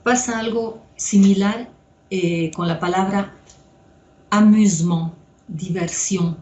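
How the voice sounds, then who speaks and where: A woman psychoanalyst giving a measured, step-by-step lecture with occasional fillers. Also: medium pitch, a little mellow. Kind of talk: slow didactic lecture. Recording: echoey room.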